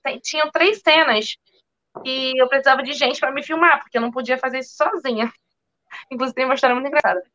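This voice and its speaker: A woman, a guest actress, telling stories in a lively, animated way, acting out quotes and laughing. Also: high voice, fast talker, muffled recording. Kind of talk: casual storytelling chat.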